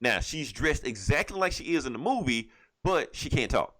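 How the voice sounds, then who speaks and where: Retelling a comic book story on a podcast he co-hosts, this man is very animated, with a medium-pitched, slightly bright voice at normal speed. His recap is casual, meandering, slangy and heavily profane.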